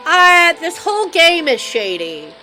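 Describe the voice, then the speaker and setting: A woman's voice: very high voice, sing-song, unhurried, sharp tone, faint music behind. A woman streamer chatting wryly to her viewers as she plays a game live. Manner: chatty, wry asides to viewers.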